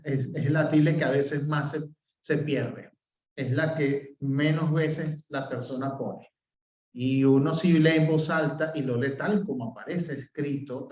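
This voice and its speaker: A man with a Venezuelan accent teaching an open class, explaining step by step, filling pauses with "eh" and checking in with "¿ok?". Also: medium pitch. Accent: Venezuelan Spanish. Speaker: professor. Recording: roomy, distant, dull sound.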